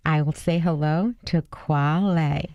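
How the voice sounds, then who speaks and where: A woman's voice: sits low, steady tone, takes it slowly, mellow, dry recording, muffled recording. Bubbly, gushing woman co-host. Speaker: radio show co-host. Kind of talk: casual chat.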